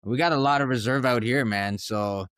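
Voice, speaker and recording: A man's voice: mid-range voice, normal speed, fairly bright tone, clean tone, no room sound, clean studio sound. A man from Ontario co-hosting a podcast interview, asking questions in a hyped, casual way. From Hamilton, Ontario. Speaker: podcast co-host.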